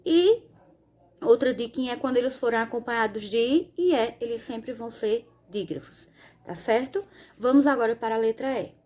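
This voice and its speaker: A woman teacher patiently explaining a lesson in Brazilian Portuguese, spelling letters out slowly and checking in with her students often. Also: a little high, dark tone. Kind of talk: recorded lesson explaining exercise answers.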